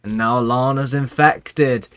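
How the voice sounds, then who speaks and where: A man hosting a reaction video, chatting casually and reacting loudly, sometimes swearing. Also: medium pitch, steady tone, slow pace, clean tone. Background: show soundtrack music.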